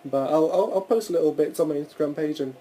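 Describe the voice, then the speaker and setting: A man's voice: fairly high pitch, fast talker, dark tone, a little hiss or hum, poor audio. A young man hosting a casual solo podcast, rambling through his thoughts with frequent restarts and the odd swear word. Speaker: podcast host.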